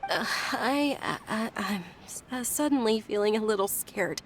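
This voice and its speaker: An actress voicing a gentle, timid young noblewoman, soft and hesitant, stammering. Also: medium pitch, expressive, normal speed, a little hiss or hum, natural voice. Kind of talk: game voice acting.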